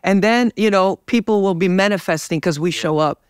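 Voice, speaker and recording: A man's voice: sits high, brisk, clean tone, no room sound. A young man speaking as an evangelist in an interview, fervent and preacher-like, in a dry studio. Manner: fervent, preacher-like, gestures while talking. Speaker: evangelist guest. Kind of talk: interview about faith. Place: dark studio set, seated.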